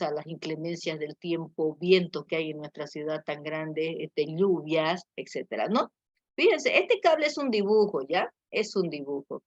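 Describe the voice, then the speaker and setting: Low-voiced woman teacher, muffled sound. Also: a bit bright, no room sound. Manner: many fillers and tag questions. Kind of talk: online class lecture. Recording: muffled lo-fi audio.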